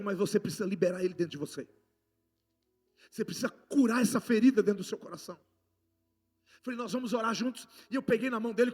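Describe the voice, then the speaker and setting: Husky-voiced impassioned Brazilian preacher. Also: male voice, very high voice. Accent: Brazilian Portuguese. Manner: passionate, swings from loud to hushed. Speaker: apostle preaching. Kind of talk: sermon.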